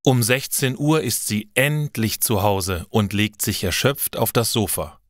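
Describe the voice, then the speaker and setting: A man reading simple stories aloud for language learners, slow and clear. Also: lowish voice, animated, no echo, studio quality. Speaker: narrator. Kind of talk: scripted narration for language learners.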